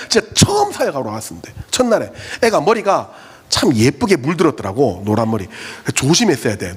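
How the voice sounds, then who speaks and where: Middle-aged guy preaching to teens, husky voice, jokey, acts stuff out. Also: on the high side. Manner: animated, storytelling, jokes and acts out scenes. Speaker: youth pastor. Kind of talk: youth sermon.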